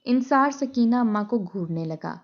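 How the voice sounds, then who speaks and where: A woman's voice: fairly high pitch, lively intonation, normal speed. Woman narrating a dramatic story. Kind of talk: scripted narration. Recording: dull lo-fi recording.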